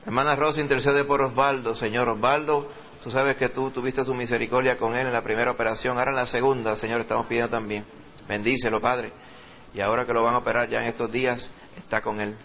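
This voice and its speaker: A male pastor with a Puerto Rican accent who leads a sermon, reads scripture slowly with rising emphasis, and prays fervently, repeating "Señor" and "Padre". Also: medium pitch, level tone, a bit bright, highs cut off, slight background noise. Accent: Puerto Rican Spanish. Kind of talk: sermon with scripture reading and prayer.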